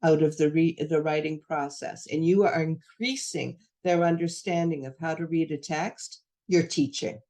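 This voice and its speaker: A woman's voice: low voice, normal speed, few pauses, warm tone. A woman giving a professional development talk to teachers, explaining reading lessons step by step and acting out what to say to students. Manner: instructive, acts out teacher-student exchanges.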